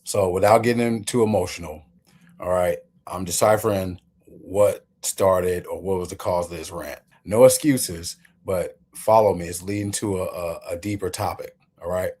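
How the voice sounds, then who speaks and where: A male host with a low-set voice delivers opinion commentary. He is emphatic and takes the listener through his points one step at a time. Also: fairly even intonation, moderate pace, a little mellow.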